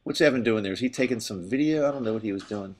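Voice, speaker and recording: Low-voiced man, winded, middle-aged, halting skiing commentary, helmet-camera sound outdoors. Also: a little mellow, slight background noise. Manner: breathy, stop-and-start commentary with restarts. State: winded from exertion. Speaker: skier filming with a helmet camera. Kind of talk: casual narration while skiing. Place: outdoors on a steep ski slope. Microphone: helmet-mounted camera.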